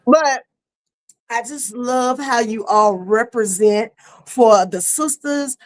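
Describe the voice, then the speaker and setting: High-voiced chatty woman host. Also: slow pace. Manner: lively, laughing, Southern-style casual talk with "y'all". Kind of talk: casual chat. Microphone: streaming setup.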